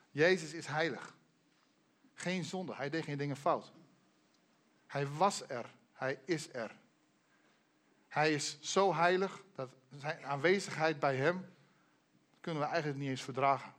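Male preacher, fairly high voice, earnest storyteller, slows down on key names, trails off low and soft. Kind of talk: sermon, retelling a Bible story.

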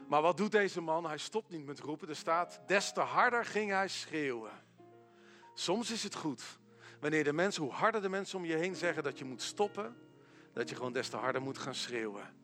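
A man preaching a sermon in a church hall, swinging between loud calls and hushed quiet lines. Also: on the high side, animated, normal speed, faint music behind. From Netherlands.

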